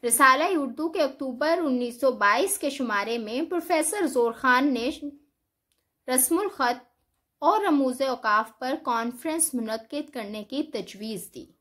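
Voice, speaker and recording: Female teacher, high voice, measured scripted lecture delivery. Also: expressive, fairly bright tone. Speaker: Urdu teacher.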